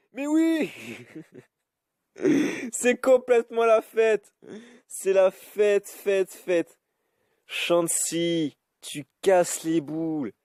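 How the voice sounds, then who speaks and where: A man giving live commentary over his own game, cursing often and swinging between high yelps and low grumbling. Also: darkish tone, dry recording, studio quality. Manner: swears freely, swings from yelps to grumbling mutters. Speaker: YouTube gamer.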